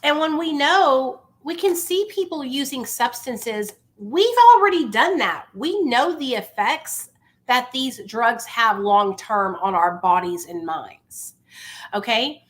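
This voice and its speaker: Bright, high-voiced woman, impassioned motivational talk. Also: lively intonation, slow. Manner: emphatic, insistent, repeats phrases for force; informal, familiar address. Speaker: livestream host speaking on addiction recovery.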